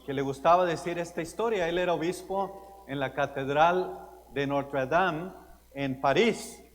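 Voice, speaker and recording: A male priest delivering a homily in a large church, his slightly high voice carried by long reverb. He preaches earnestly and leans hard on key words as he tells a story. Faint room noise sits under him. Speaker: pastor. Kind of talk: Sunday homily.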